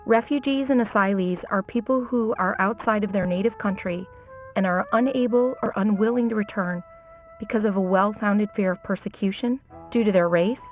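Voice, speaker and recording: A woman's voice: mid-range voice, a little mellow. Woman narrating a documentary. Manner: measured, informative.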